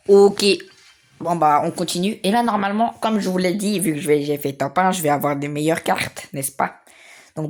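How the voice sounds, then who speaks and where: Young guy commentating his game, hypes himself up a lot, laughs a bunch, light music in the back. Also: on the high side. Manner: excitable, slangy, laughs often. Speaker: gaming video creator. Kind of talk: casual gameplay commentary.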